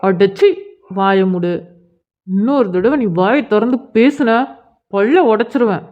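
A woman's voice: mid-range voice, expressive, measured pace, lightly acted. A woman voicing an angry, protective schoolboy who scolds a man, in a cartoon. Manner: scolding, confrontational. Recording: tinny phone-like audio.

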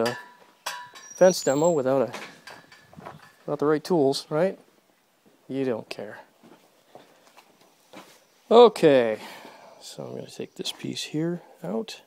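A man with a gravelly, mid-pitched, slightly mellow voice narrates loosely while doing electric fence work in a horse barn, muttering to himself and the horses between steps. The video creator's first-person phone camera is held close in the stall, and there's no echo.

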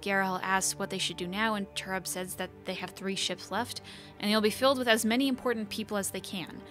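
A woman hosting a book channel, recapping novel chapters in an even storytelling read-aloud. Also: medium pitch, fairly quick, soft background music.

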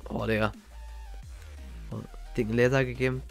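A young man giving casual, slangy reaction commentary as a gaming YouTuber, excitable and reminiscing. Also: medium pitch, normal speed, vocal fry. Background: faint game music.

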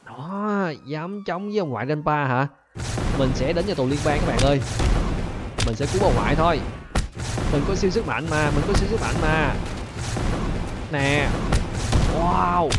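A man hosting a gaming channel, giving excited gameplay commentary and talking straight to his viewers. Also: a little high, moderate pace, pauses often, very noisy. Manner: animated, keeps addressing viewers as "các bạn ơi".

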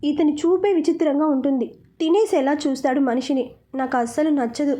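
A woman's voice: sits high, fairly quick, mellow. A woman narrating a romantic story in the first person, reading it with emotion.

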